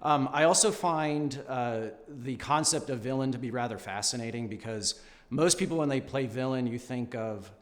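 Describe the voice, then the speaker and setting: A man answering questions at an acting audition, polite, measured and thoughtful. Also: mid-range voice, long reverb tail. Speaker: actor at an audition. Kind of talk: unscripted audition interview.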